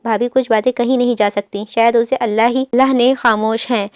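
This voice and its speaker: A woman's voice: on the high side, fairly even intonation, fairly quick, clean tone, no room sound, close to an everyday voice. A woman reading the lines of a tearful young bride who holds back her secrets.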